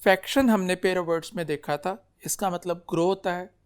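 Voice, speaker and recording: A man's voice: sits high, steady tone, clean tone. A man teaching an English spelling lesson. He mixes Urdu and English, calls his students "beta" and keeps checking whether they follow. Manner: slow, deliberate explaining with many spelling examples. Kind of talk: classroom lecture mixing Urdu and English.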